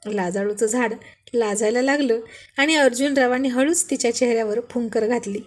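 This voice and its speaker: Brief: female storyteller reading a romance, plain telling, higher-pitched. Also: normal speed. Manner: plain storytelling, voicing all the characters herself. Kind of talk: storybook narration.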